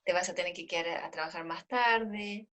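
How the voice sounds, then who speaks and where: A woman's voice: on the low side, fairly quick, a bit bright. A woman taking part in a training session, thoughtfully explaining a workplace example. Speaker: training participant. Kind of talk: casual discussion.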